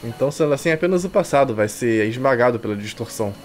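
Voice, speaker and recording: Reading a visual novel aloud for his stream, a Brazilian man throws in irreverent slang as game music plays in the background. He sounds animated and talks quickly at a medium pitch.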